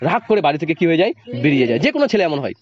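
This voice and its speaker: A man's voice: on the high side, very animated, very fast. A man teaching a class, reading a story aloud and explaining it line by line in plain words, often checking that the students follow. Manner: reads the text aloud, then retells it in plain words and quizzes the class. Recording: dull lo-fi sound.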